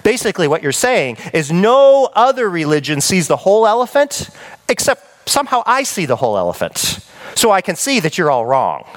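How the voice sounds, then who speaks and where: A man preaching a sermon in a conversational, animated way, often checking in with the listeners. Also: high-pitched, moderate pace.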